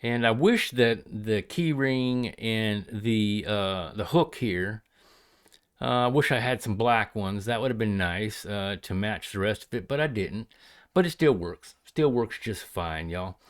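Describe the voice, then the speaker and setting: A man's voice: lowish voice, animated, unhurried, clear, resonant tone. A man chatting casually to viewers as a hobbyist crafter, in a folksy, hesitant, rambling way. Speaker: pipe hobbyist and leather crafter showing his work. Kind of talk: casual vlog chat to viewers.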